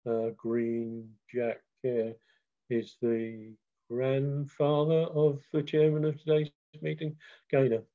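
A man giving a slideshow history talk on a video call, steady, with frequent uh fillers. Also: mid-range voice, takes it slowly. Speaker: guest presenter. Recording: dull lo-fi call audio.

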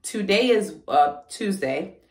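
A woman's voice: medium pitch, expressive, slow pace, recorded from a distance. A pregnant woman giving a casual vlog update, chatty and short of breath, talking to viewers as y'all. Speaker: vlogger. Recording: roomy sound, voice away from the mic.

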